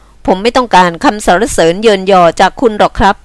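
A woman's voice: medium pitch, a little fast, no room sound, close to an everyday voice. A woman reading a novel aloud, voicing a brusque young man who talks in a curt, scolding way. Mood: earnest. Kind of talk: novel reading with voiced dialogue.

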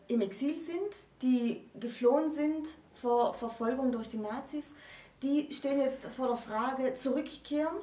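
A woman in her thirties presents a literature discussion in a conversational, educational style, explaining things articulately and posing questions. Her voice is fairly high and a little mellow. She's indoors in a small book-lined room, recorded with a distant microphone that gives a roomy sound.

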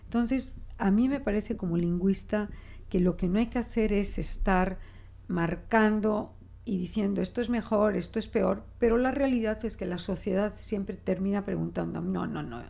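An older woman from Spain with a creaky voice at medium pitch and a moderate pace is the guest linguist in a conversational interview. Her Spanish accent shows Mexican influence, and she is expressive and reflective, with frequent restarts and gestures. She sits at a desk microphone in a small studio office indoors.

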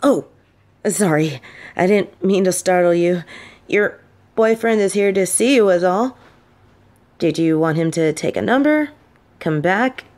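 A polite office assistant played by a woman talks at an unhurried pace in an audio role-play. She is deferential and eager to help her boss. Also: fairly low pitch, expressive, a little mellow. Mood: polite, helpful. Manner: deferential, helpful.

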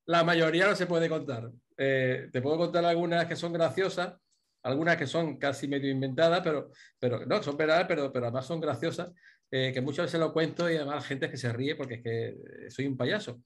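A middle-aged man from Spain, a hotel director, sits for a relaxed interview. He tells jokey stories and keeps restarting his sentences as he goes. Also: on the high side, a little fast. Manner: jokey anecdote teller, many restarts. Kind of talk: casual interview, storytelling.

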